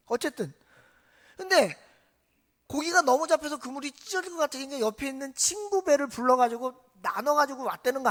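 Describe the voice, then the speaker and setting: A woman pastor preaching a sermon with lively, swooping pitch and a fairly high voice. She tells stories and keeps turning to the congregation with questions. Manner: animated storytelling that asks the congregation questions.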